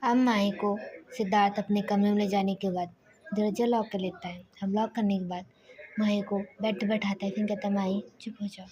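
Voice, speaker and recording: A woman's voice: mid-range voice, steady tone, normal speed, warm tone, muffled recording. A woman narrating a spoken story casually, often restarting her sentences and sometimes whispering. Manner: loose, self-correcting, partly whispered.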